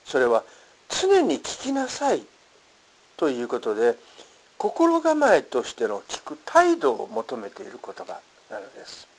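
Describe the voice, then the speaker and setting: Male pastor, earnest emphatic sermon delivery, animated intonation. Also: normal speed, low-quality recording. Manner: earnest, emphatic preaching with lively pitch swings.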